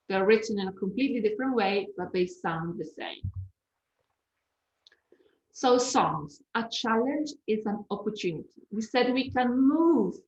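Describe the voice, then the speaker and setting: Slow-speaking woman, echoey webinar talk. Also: mid-range voice, muffled recording. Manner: lively, demonstrative, sings and hums examples. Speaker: teacher trainer. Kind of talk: online teaching webinar.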